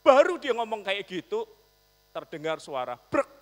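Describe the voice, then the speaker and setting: A male pastor preaching a storytelling sermon, animated, swinging from loud to soft. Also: high voice, normal speed. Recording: long reverb, mains hum.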